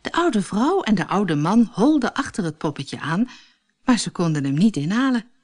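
A woman reads a children's storybook aloud with clear, expressive narration. Her pitch moves in a lively, melodic way, rising and falling through the sentences. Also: moderate pace.

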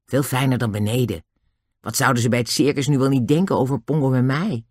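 A man's voice: mid-range voice, fairly quick, darkish tone, dry recording, clean studio sound, lightly acted. A man voicing a timid, frightened circus boy who talks anxiously. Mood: content. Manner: nervous, anxious.

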